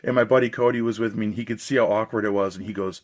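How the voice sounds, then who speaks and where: Speaking very fast in a fairly low, steady voice with a slight hoarseness, a young man reviews a movie release. His video channel chat is casual and enthusiastic.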